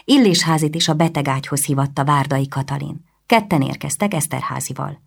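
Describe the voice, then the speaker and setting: Very deep, gravelly woman narrator. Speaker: audiobook narrator. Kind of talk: scripted audiobook narration.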